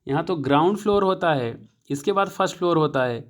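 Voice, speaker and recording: A man teaching an English lesson, explaining each point again and again, often pausing to check and correcting himself. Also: a little high, animated. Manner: repetitive, checks with "ठीक है" often; self-correcting, thinking aloud. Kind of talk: classroom-style lesson.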